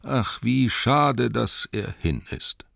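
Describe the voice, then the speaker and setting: A man voicing a crowd of townsfolk shouting high cries in an audiobook reading. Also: animated, measured pace, vocal fry, dry recording, studio quality. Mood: clamoring. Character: clamoring crowd of lake townsfolk.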